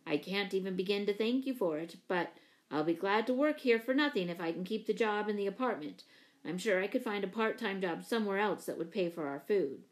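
A woman reading aloud, voicing a grateful middle-aged father in a lowered, subdued tone. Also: expressive, brisk, natural voice.

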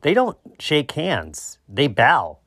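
A man hosting a solo debunking podcast, explaining his points haltingly and often rewording himself mid-sentence. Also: a little high, wildly swooping pitch, fairly bright tone, breathy edge, no room sound, studio quality. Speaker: podcast host.

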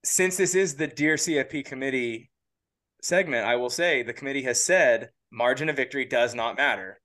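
A man's voice: mid-range voice, moderate pace, pushed and bright. A man co-hosting a casual sports podcast, raising questions and leading segments. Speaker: podcast co-host.

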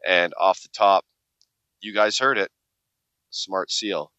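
A man giving a plainspoken, steady talk presenting a product. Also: low-pitched, takes it slowly, no room sound. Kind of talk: promotional talk. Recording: dry, slightly muffled sound.

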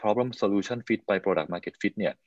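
A man's voice: lowish voice, slow, darkish tone. A man lecturing as a guest expert on a podcast, thoughtful and often repeating words as he thinks. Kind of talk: casual podcast talk. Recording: dull dry lo-fi recording.

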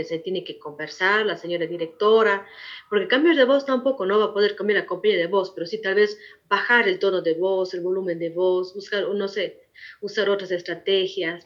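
A woman in her forties, a veteran teacher, answering interview questions in a firm, repetitive, explaining manner. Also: medium pitch. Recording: muffled lo-fi recording.

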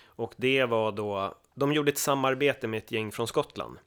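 Lively Swedish man telling stories. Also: mid-range voice, smooth. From Sweden. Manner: lively storyteller who acts out voices. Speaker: podcast guest. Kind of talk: casual podcast chat.

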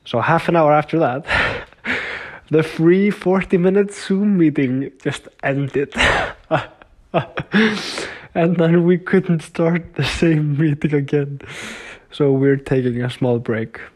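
A man's voice: on the high side, steady tone, slow, darkish tone. A young man talking to his viewers in a casual video diary. He rambles, uses many filler words and laughs often between his stories. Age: young adult. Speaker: vlogger.

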